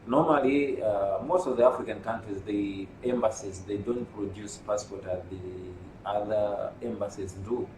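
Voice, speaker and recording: A man from Malawi, a union secretary general, explaining things carefully in an interview, with frequent pauses. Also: fairly low pitch, fairly even intonation, darkish tone. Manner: measured, explanatory, with hesitations. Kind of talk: interview answers. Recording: roomy, distant mic with noise.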